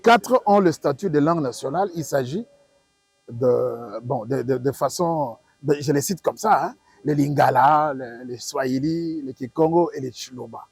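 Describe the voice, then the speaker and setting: Here a husky Congolese professor of linguistics, with a Congolese French accent, speaks at a moderate pace in a medium-pitched, slightly mellow voice. The interview sound is dry and close as he explains to an audience emphatically and didactically, posing rhetorical questions and repeating himself.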